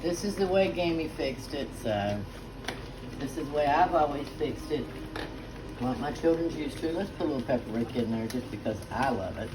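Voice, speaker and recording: This middle-aged woman talks through her cooking in a chatty, homey way, with plenty of "uh" fillers along the way. She is recorded in a home kitchen, with clear background noise underneath her voice. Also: sits low, animated, normal speed. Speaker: home cook. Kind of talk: casual cooking demonstration. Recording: noisy home kitchen ambience.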